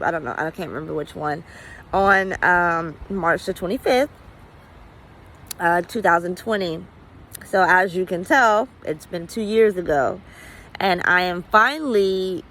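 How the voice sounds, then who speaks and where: A woman's voice: lowish voice, a bit bright. A woman telling her own story in a candid, conversational vlog, full of fillers and at times close to tears. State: emotional, near tears at times. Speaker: vlogger.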